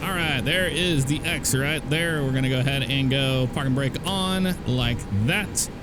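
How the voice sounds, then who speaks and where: A man's voice: medium pitch, measured pace, background noise. A man giving casual, informal commentary on flight simulator gameplay, addressing his viewers directly.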